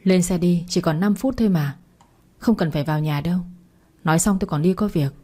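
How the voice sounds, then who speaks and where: A woman's voice: fairly low pitch, fairly quick, mellow, natural voice. A woman voicing a cold, jealous young woman who talks in curt, sneering lines.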